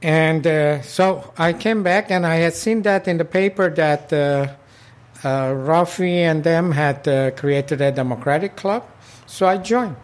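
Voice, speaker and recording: An older Iranian man who presides over a local club recalls his past in an oral history interview, full of fillers and restarts. His voice is fairly high and his pace measured.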